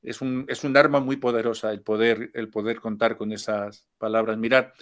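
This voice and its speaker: A man's voice: lowish voice, fairly even intonation, moderate pace, fairly bright tone. Older Spanish man giving a jokey spiritual talk. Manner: chatty, jokey, with frequent laughs and asides. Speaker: spiritual teacher.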